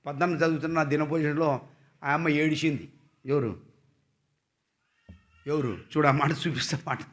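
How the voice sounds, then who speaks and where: A man preaching a Sunday sermon, reading scripture slowly and questioning the congregation, swinging from loud emphatic passages to quiet asides. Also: on the high side. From Andhra Pradesh, India.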